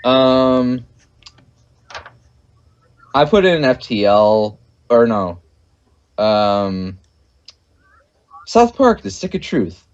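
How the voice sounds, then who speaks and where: A man's voice: medium pitch, big pitch swings, drawn-out words, long pauses, clear, resonant tone, dull audio. A young man from the United States co-hosting a gaming podcast, rambling nervously with many fillers and restarts. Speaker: podcast co-host. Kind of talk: casual chat.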